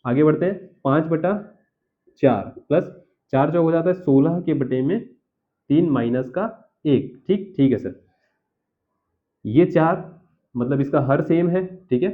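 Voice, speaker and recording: A man teaching a school math lesson, working through each step aloud and often checking in with the class. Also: fairly high pitch. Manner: talks himself through each step, keeps checking "theek hai sir". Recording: tinny phone-like audio.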